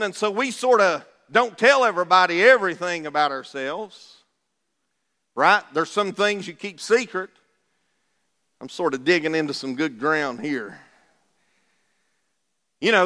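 High-pitched Appalachian preacher man in a hall. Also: sharp tone. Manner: folksy, conversational, asks the congregation rhetorical questions. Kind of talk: sermon. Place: large reverberant room, preaching to a congregation. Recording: reverberant hall sound.

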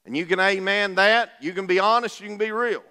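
Male preacher, Appalachian accent, forceful bright tone, plain-spoken and conversational, recorded in a reverberant hall. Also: high-pitched, fairly quick, clean tone. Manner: folksy, conversational, asks the congregation rhetorical questions. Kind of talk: sermon. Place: large reverberant room, preaching to a congregation.

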